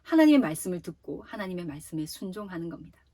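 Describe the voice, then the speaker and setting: A woman gives a youth sermon in a soft, mellow voice with some breath in it. She talks straight to her young listeners in a lively teaching way. Her voice sounds dry and close to the mic. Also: on the low side, fast, no room sound. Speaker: youth ministry preacher. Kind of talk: sermon to teenagers.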